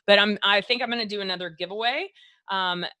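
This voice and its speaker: A woman's voice: mid-range voice, a little fast, bright, forceful tone, no room sound. A woman with a Texas accent hosting a health podcast, chatty and loose, full of fillers and restarts. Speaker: podcast host, doctor. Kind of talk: casual podcast chat.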